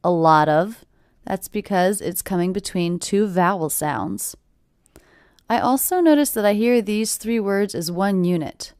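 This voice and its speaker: Woman, pronunciation teacher, smooth resonant voice, dry close sound, slow careful repetition. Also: mid-range voice, expressive, darkish tone, no room sound. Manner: clear, deliberate, repeats phrases slowly. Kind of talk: pronunciation lesson.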